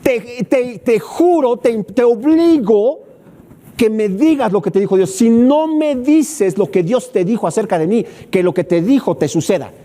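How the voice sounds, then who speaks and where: A man's voice: moderate pace, hardly any pauses, a little mellow. A man with a Mexican accent voicing an old priest who pleads and insists. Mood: insistent. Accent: Mexican Spanish. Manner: pleading, high-pitched insistence.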